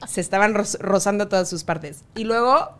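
Animated Mexican woman telling stories. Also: mid-range voice, normal speed. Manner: lively storyteller, animated. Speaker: podcast guest. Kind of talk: casual podcast chat, storytelling.

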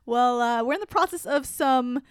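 A woman co-hosting a true crime podcast with chatty delivery and some vocal fry. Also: high-pitched, normal speed, no echo, studio quality. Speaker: podcast co-host. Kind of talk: true crime podcast chat with scripted intro.

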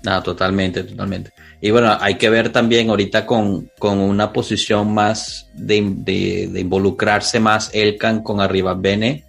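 A man's voice: lowish voice, little pitch movement, measured pace, creaky, hardly any pauses, faint music behind. A man with a Latin American accent hosting a casual sports podcast discussion. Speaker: podcast host.

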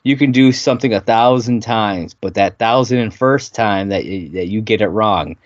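A podcast co-host with a lowish voice recaps a sitcom episode at normal speed in an easygoing, rambling chat, laughing often. The recording is dry, dull, and lo-fi, with no echo.

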